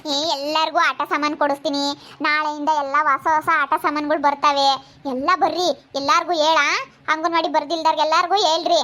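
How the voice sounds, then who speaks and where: A woman's voice: sits high, little pitch movement, fairly quick, sharp tone. A woman with a regional Kannada accent playing a village preschool teacher who coaxes and scolds children in a comic skit. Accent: Kannada, Hiriyur area. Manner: coaxing, scolding teacher talk.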